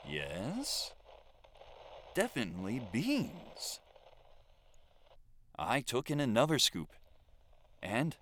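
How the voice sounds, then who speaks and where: A man's voice: mid-range voice, fairly bright tone, a little hiss or hum, exaggerated voice. A man playing an eccentric, lonely survivor who hosts his own radio show, speaking in a theatrical, flowery, mock-formal way. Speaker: lone radio broadcaster. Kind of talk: audio drama monologue.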